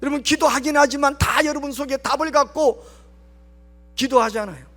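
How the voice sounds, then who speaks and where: A man's voice: extremely high pitch, brisk, fairly bright tone. A male pastor giving an emphatic sermon at a late-night prayer meeting, sometimes dropping to a whisper for stress. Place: church sanctuary. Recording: long church hall reverb.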